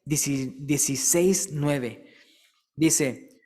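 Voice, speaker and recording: A male preacher giving a relaxed, conversational sermon, asking the congregation questions and telling light jokes. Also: a little high, drawn-out words. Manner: chatty, asks listeners questions and tells jokes.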